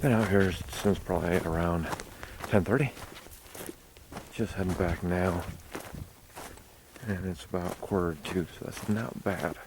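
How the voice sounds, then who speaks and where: A man casually narrating an outdoor hiking vlog to his viewers on a windy high ridge, recorded on a handheld camera with wind noise. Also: measured pace, pauses often. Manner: informal, addressing viewers as "guys". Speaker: hiking vlogger.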